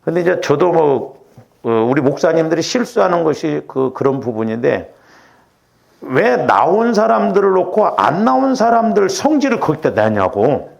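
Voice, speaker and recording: A man's voice: on the high side, sing-song, normal speed, gravelly. A middle-aged male pastor giving a conversational sermon, often checking in with the congregation. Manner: conversational preaching with rhetorical checks.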